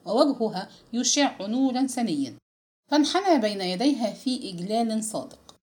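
Expressive woman reading a classical tale. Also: fairly high pitch, moderate pace. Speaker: audiobook narrator. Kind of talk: scripted storybook narration.

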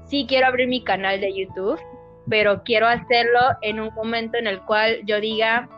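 Lively and expressive, this young Mexican singer and dubber acts out quotes while chatting casually as a podcast guest. Her Mexican Spanish-accented voice is a little high and moderately paced, and the lo-fi recording is dull with faint music.

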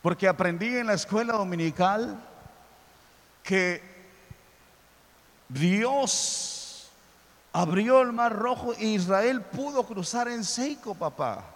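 A man voicing an excited young boy who is eager to share what he learned. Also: high voice, slow, long pauses, in a large hall.

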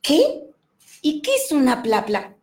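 A small, nearsighted schoolboy voiced by a woman in a told children's story. His voice is high and swooping, eager and insistent, and he sounds easily startled. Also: normal speed. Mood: astonished. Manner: high excited childlike pleading.

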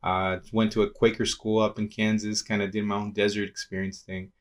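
A man from Peru, a pastor and community organizer, talking casually in an interview, thoughtful and halting with many restarts. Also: lowish voice, flat delivery.

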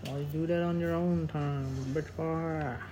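A man's voice: on the high side, steady tone, measured pace. A young man chatting casually over a video game in short, slangy, teasing call-outs. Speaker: gamer. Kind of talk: casual chat while playing a video game. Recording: clear background noise.

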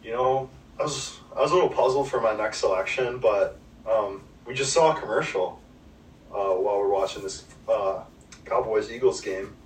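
Low-voiced man, laid-back and halting. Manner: laid-back, hesitant, many fillers. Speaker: podcast co-host. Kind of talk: casual chat. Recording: roomy, distant mic, faint background hum.

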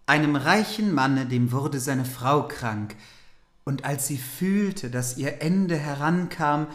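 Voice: mid-range voice, lively intonation, slow pace, fairly bright tone. Echoey podcast host, mock-naive reader. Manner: naive questions, mock confusion. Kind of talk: comic fairy-tale reading and chat.

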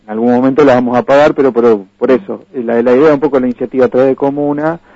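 A man's voice: medium pitch, steady tone, very fast, mellow, no room sound. A man with an Argentine accent, a campaign guest on a radio interview, who talks earnestly and keeps restarting his phrases. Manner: hesitant, many restarts and fillers, earnest. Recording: dull lo-fi dry radio recording.

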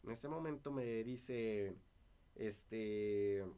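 A man's voice: lowish voice, drawn-out words, dark tone, smooth. A man with a dry voice, talking through past disputes as an interview guest. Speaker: interview guest, party politician. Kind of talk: casual interview conversation.

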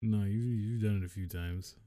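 Man, lowish mellow voice, dry sound, hesitant casual chat, slangy. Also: steady tone, normal speed, no room sound. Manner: hesitant, filler-heavy, says "dude" and "bro". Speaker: podcast co-host.

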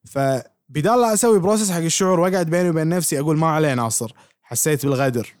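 A young Kuwaiti man co-hosts a casual podcast chat, talking fast and in a lively way. His voice sits a little high, and he switches easily between Gulf Arabic and English. The recording is close and dry. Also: dry recording. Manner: animated, quick, mixes English into Gulf Arabic. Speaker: podcast co-host.

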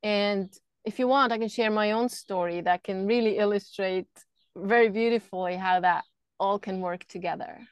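A woman's voice: mid-range voice, moderate pace, clear, resonant tone, no room sound. A middle-aged woman from Switzerland, a podcast guest who talks earnestly and flowingly about energy healing, often repeating words as she thinks. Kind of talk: casual interview talk. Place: camper van.

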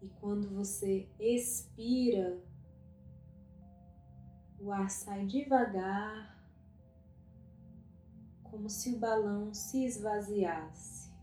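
Very slow, soft-spoken meditation guide woman. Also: mid-range voice. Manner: slow, soft and calm, with long pauses. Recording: roomy echo with faint music.

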